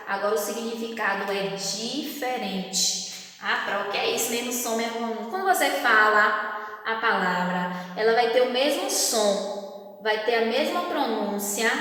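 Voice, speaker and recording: A woman's voice: on the high side, a bit bright. A woman teacher explaining a grammar lesson in a patient way, often checking in with her class. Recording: echoey room with long reverb.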